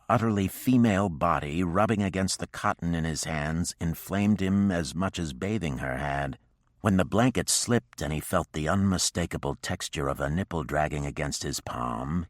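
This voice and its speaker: Male narrator, extremely deep voice, dry close sound, romance audiobook. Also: no room sound.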